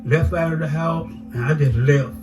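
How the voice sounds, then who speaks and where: A man's voice: on the high side, fairly even intonation, moderate pace, music in the background, poor audio. An older man telling his life story in a casual interview, rambling with many "you know"s and acting out the dialogue he recalls.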